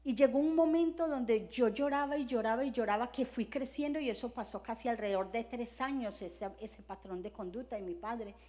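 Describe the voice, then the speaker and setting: A woman's voice: fairly high pitch, a little mellow. A middle-aged woman pastor preaching a sermon, telling personal stories and acting out scenes as she goes. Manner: storytelling, acts out scenes with sound words.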